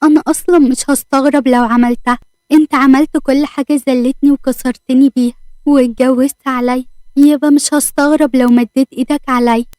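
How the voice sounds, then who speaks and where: A woman voicing an angry young wife who insists on a divorce, speaking with an Egyptian accent in heated, loud lines. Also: sits high, steady tone, quick pace, no room sound, lightly acted. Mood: furious. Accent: Egyptian Arabic. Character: young wife, proud, furious, demanding divorce.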